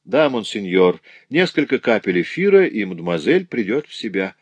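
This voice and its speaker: A man voicing a calm, devoted male doctor who speaks in a reassuring, measured way. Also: lowish voice, breathy edge, dry recording.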